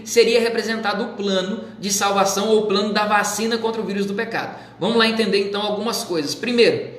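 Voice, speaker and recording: A man with a high voice delivers a sermon as a pastor. He keeps asking his listeners questions and answers them himself. The recording has a roomy echo. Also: a bit bright. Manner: teaching with questions to the audience. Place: indoor room, live stream.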